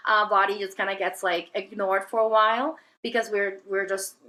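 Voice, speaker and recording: A woman from Venezuela, a spiritual healer, reflects on her life story as an interview guest, hesitating with many fillers and restarts. Her medium-pitched voice is bright and forceful, level in tone at a normal speed.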